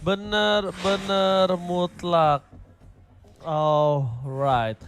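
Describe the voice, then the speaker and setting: A man commentates a match in a very high-pitched voice, in the manner of a fighting game announcer. He stretches key calls dramatically and throws out rhetorical questions, with music clearly playing behind him. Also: steady tone, very slow. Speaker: esports shoutcaster, play-by-play.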